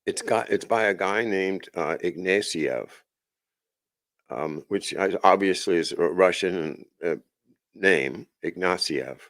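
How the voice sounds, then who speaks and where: A man's voice: sits low, slow, a bit bright. A man hosting his own show, talking casually in a rambling monologue full of restarts and asides. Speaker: podcast host.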